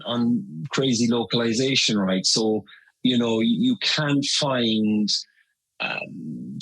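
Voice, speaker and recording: A middle-aged man from Ireland chats as an interview guest, his speech full of fillers and restarts. His voice is mid-range with a fairly bright, slightly rough tone, and the recording itself is rough.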